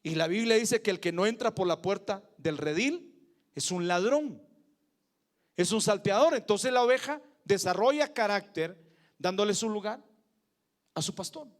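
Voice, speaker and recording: A man with a Mexican accent preaching a sermon, emphatic, with loud peaks, low asides and questions put to the congregation. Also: expressive, moderate pace. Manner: emphatic, swings between loud peaks and low asides, asks the crowd for agreement.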